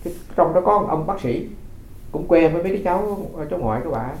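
A man's voice: fairly high pitch, lively intonation, fast talker, a little mellow, reverberant, poor audio. A man who is a Buddhist monk from Vietnam, giving a dharma talk as folksy storytelling, often repeating his words.

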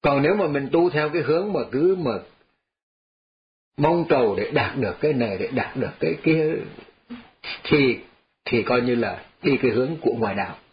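Monk, giving a dharma talk. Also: male voice, mid-range voice, expressive, normal speed, pauses often. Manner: folksy, repetitive, chuckles while telling parables. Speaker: Buddhist monk teacher. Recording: slightly dull lo-fi audio.

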